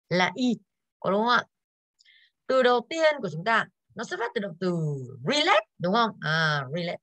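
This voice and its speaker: A woman's voice: medium pitch, very animated, unhurried, a bit bright, no room sound. A woman English teacher going over exercises in an online class, tired and coughing now and then, who keeps putting questions to her students.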